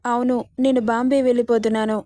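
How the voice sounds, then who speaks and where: A woman's voice: a little high, level tone, fast talker, mellow, no room sound, clean studio sound, lightly acted. A woman voicing a young male college student in a spoken story, speaking dismissively. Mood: cold. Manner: mocking then remorseful. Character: young man, a callous college prankster.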